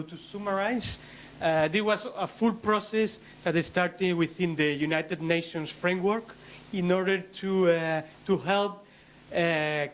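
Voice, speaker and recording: A man with a fairly high voice leads a conference workshop. He explains his points haltingly, often repeating words before going on. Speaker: session leader. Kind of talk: workshop presentation. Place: conference room.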